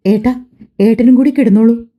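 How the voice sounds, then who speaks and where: A woman voicing a gentle, timid young wife who speaks softly and hesitantly, in an audio drama on slightly dull lo-fi audio. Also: fairly high pitch, moderate pace, close to an everyday voice. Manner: soft, hesitant, deferential.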